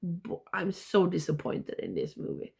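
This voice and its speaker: A woman with a blocked nose giving a casual video review, rambling and haltingly, often interrupting herself. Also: on the low side, big pitch swings, creaky, warm tone, slightly rough. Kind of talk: casual ranking review to camera.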